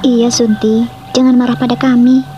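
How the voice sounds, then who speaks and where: A woman's voice: fairly high pitch, level tone, normal speed, dull audio, music in the background, lightly acted. An actress playing young village girls who plead with and tease a sulking friend in a radio drama. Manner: pleading and teasing. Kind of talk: Indonesian radio drama acting.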